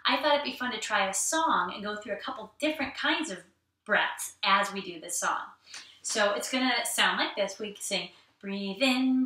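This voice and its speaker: Bright sing-song woman teaching kids yoga. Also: medium pitch. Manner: gentle, encouraging, sing-song. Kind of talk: children's yoga lesson. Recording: echoey room, mic at a distance.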